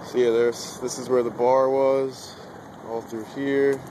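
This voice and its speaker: A man casually walking a site outdoors, pointing out where rooms used to be in a flat, low-key way. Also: a little slow. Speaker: urban explorer filming. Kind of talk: casual walkthrough commentary. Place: outdoors on a cracked lot of a demolished site. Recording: handheld camera audio with clear background noise.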